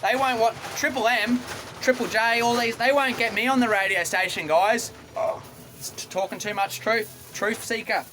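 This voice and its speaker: A man's voice: very high voice, steady tone, moderate pace, noisy background. A young Australian man ranting to camera from a boat, rambling and repetitive, with a combative edge. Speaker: vlogger. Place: on a boat outdoors.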